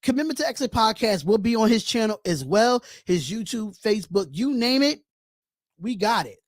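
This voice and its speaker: Man, 30s, laid-back sports podcast co-host on a video call who reads the chat aloud, fairly high voice, dry sound. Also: moderate pace, no echo. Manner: relaxed, reads chat comments aloud, slangy.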